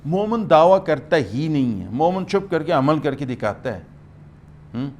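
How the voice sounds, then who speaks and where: A middle-aged man delivers a scripture commentary to a gathered audience. His voice sits a little high for a man, and he speaks with emphasis, stopping often to check in with his listeners before pressing on. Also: sing-song, darkish tone, a little hiss or hum. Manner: emphatic, asks "hm?" and "theek hai" to the listeners. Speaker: mufti giving Quran commentary. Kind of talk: lecture-style Quran commentary to a gathering.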